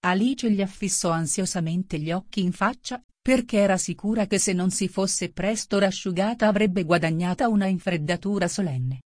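A woman reading a storybook aloud as narrator, in an even, measured way. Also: mid-range voice, no room sound, studio quality. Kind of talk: audiobook narration.

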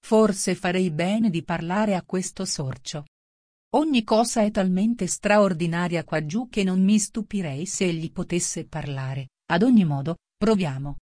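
A woman's voice: fairly low pitch, unhurried, no echo, clean studio sound. A woman doing a chatty, polite little girl. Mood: curious. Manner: coaxing, gentle and chatty. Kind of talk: storybook reading.

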